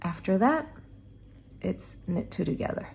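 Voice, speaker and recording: A woman's voice: medium pitch, expressive, a little slow, vocal fry, darkish tone, a little hiss or hum. A woman giving a casual knitting tutorial, talking while she works and counting stitches under her breath.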